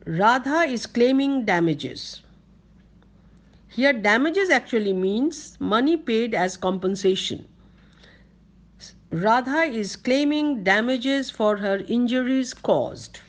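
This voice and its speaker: A woman with an Indian English accent giving a college grammar lecture, dictating slowly and repeating each point so students can take notes. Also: on the high side, lively intonation. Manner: slow, deliberate dictation, repeating words for note-taking.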